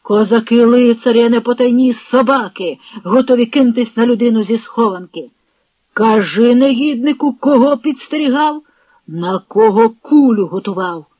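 Reader plays a fierce, scornful Cossack leader, shouting commands; dry, lo-fi. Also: medium pitch, slow, no room sound. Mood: angry. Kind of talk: audiobook reading with character voices. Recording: dry, dull lo-fi recording.

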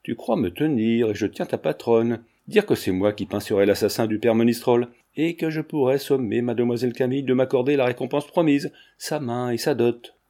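A man reading an audiobook, voicing a suave scheming baron who stays calm and coaxing. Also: medium pitch, brisk, hardly any pauses, close to an everyday voice. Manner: smooth, coaxing, unruffled.

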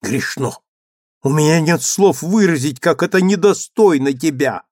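A man's voice: a little high, lively intonation, measured pace, a little mellow, no echo, studio quality, voice pushed up. A man reading the part of a stern, bitter young husband who speaks coldly and abruptly. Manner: cold, abrupt, rising to exasperation. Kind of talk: audiobook character reading.

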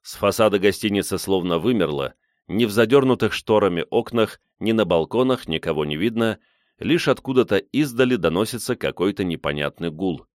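Brief: male audiobook narrator, wry and animated, lowish voice, dry close recording. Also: a little fast, no echo.

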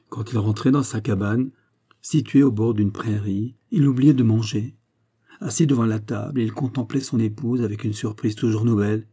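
Guy reading an old fairy tale, dark mellow voice, kinda husky, measured. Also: fairly low pitch. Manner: measured, expressive literary narration. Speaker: narrator. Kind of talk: storybook reading.

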